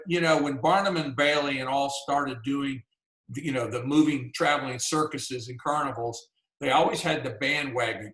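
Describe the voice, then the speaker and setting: Southern guy teaching a writers workshop on a video call, folksy chatty style, mid pitch, echoey room sound. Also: a bit bright. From Georgia, US. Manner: folksy and conversational, many "you know"s. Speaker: workshop presenter. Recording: roomy echo.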